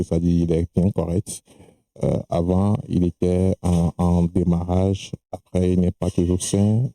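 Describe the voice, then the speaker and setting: A man with a very low, dark voice talks through a screen-recorded tech tutorial, full of fillers and restarts. He is not a native French speaker. His gravelly tone is recorded close on a desk mic in a dry room. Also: no room sound, low-quality recording. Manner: hesitant, many fillers and restarts.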